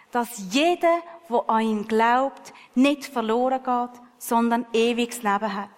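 A woman preaching in a church hall. She talks slowly and earnestly, and her fairly high voice stays personal and conversational. A long reverb trails behind her words. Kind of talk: sermon.

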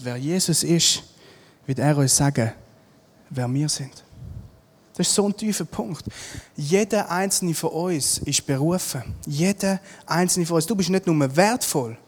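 A male preacher, giving a lively sermon, acting out Bible scenes and repeating his key lines. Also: on the high side, big-room sound.

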